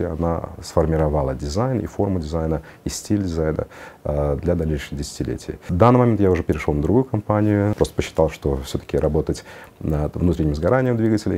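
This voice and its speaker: A man's voice: extremely low pitch, warm tone, husky. A middle-aged man, giving a conversational studio interview in hesitant phrases with some English words slipped in. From Uzbekistan. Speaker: interview guest, car designer. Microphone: lapel.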